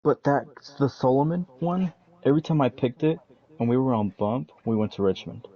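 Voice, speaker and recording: A man's voice: medium pitch, animated, normal speed. A teammate in a racing league voice chat, rambling and restarting his sentences. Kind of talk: casual voice chat. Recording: muffled voice chat.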